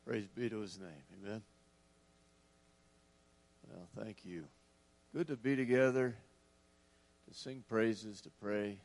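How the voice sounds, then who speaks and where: A man's voice: lowish voice, slow, pauses often, a little mellow. A man leading a church service, giving announcements in a prayerful way before the offering. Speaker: worship leader.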